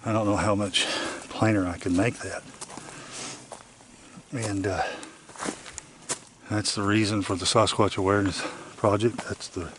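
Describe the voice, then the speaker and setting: A middle-aged man walking a forest trail, out of breath, who often drops his voice to a hush as he talks to a handheld camera. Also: on the low side, steady tone, a little slow, pauses often, noisy background. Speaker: vlogger on a woods hike. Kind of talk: casual walking vlog.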